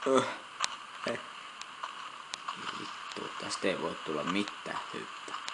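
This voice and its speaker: Cursing low-voiced gamer, noisy. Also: male voice, lively intonation. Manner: frequent cursing, exasperated muttering. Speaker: gameplay commentator. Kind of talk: swearing casual let's-play commentary. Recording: loud noise behind the voice.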